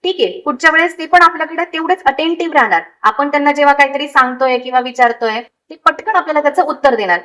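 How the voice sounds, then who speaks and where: A woman's voice: sits high, fast talker, few pauses, bright, forceful tone, low-quality recording. A young woman, giving a talk on parenting to parents, instructive and full of rhetorical questions. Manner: instructive, with a frequent "thik aahe" and rhetorical questions. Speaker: parenting counsellor.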